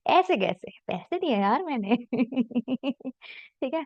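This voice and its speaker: A woman teacher with an Indian accent explaining a story line by line, reading the English slowly and then chatting through it with lots of fillers. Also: high voice, big pitch swings, no echo, dull audio. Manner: slow deliberate reading of English lines, quick chatty Hindi explanation with fillers.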